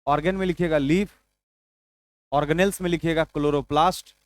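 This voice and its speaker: A man's voice: on the high side, steady tone, brisk, no echo. A male teacher giving an exam-prep biology lecture, repeating key points and dictating notes, asking and answering his own questions.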